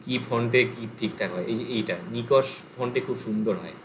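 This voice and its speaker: A man's voice: medium pitch, fairly quick, noisy background. A man teaching an online language class, explaining step by step, thinking aloud with fillers. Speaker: Pali teacher.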